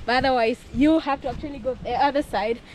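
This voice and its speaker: Excited young woman vlogging outdoors. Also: high voice, fast talker. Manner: excited, laughs often. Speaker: travel vlogger. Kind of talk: casual travel vlog. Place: outdoors on a windy coastal cliff. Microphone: action camera at arm's length. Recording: outdoor wind and surf noise.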